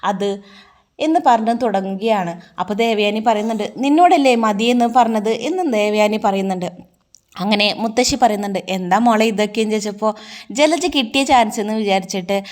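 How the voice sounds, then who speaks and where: A woman's voice: medium pitch, darkish tone. Woman casually retelling a TV serial. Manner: retells scenes in a plain running account, reading each quoted line with light emphasis. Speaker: serial recap narrator. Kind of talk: casual spoken episode recap.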